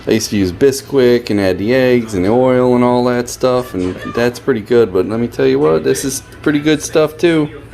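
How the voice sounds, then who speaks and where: A man with a medium-pitched, gravelly, darkish voice talks at a moderate pace, giving casual, folksy vlog commentary on home repairs in short offhand remarks. Faint music plays behind him, and the handheld camera audio is noisy with a background hum.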